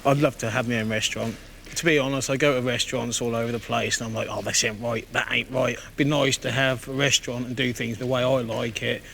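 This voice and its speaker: A man from Norfolk, England talks bluntly about his cooking, his voice gravelly yet bright and forceful. Faint kitchen noise sits behind him. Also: mid-range voice, fairly even intonation, fast. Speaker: contestant. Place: TV studio kitchen.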